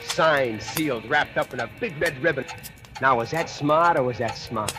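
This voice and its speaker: In an old radio broadcast with music, an actor voices a scheming factory worker who slyly narrates his own murder plot in 1940s radio style. He confides and gloats at a moderate pace, his medium-pitched voice close to everyday speech.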